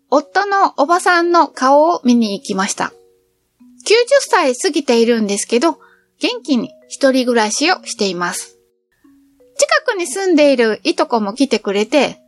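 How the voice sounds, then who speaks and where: A woman's voice: high-pitched, very animated, normal speed, faint music behind. A middle-aged woman narrating her train trip in a cheerful, chatty storytelling manner. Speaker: travel vlogger. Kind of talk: scripted travel narration.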